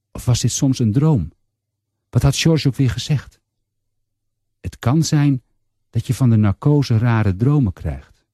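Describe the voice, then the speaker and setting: A man reading aloud a first-person story in a measured, deliberate way, introducing the excerpt first. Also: mid-range voice, mellow, husky, no room sound, clean studio sound.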